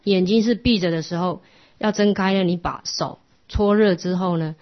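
A middle-aged woman, giving a patient, instructive Buddhist class lecture that often drops to a soft hush. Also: lowish voice, moderate pace. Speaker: Buddhist teacher. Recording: lo-fi muffled recording.

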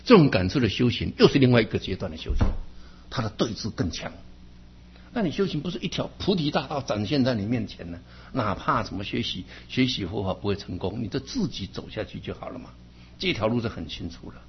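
A man's voice: medium pitch, big pitch swings, a little fast, a little hiss or hum. A man teaching Buddhist practice in an earnest, repetitive way, sometimes chuckling at his own jokes. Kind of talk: dharma talk. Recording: dull lo-fi recording.

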